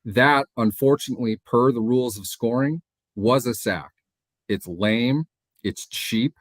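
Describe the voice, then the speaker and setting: A man's voice: mid-range voice, a little slow, no echo. A man in his thirties co-hosting a sports podcast over a video call, ranting in an assertive, insistent way. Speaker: podcast co-host. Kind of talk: casual sports podcast chat. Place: home room.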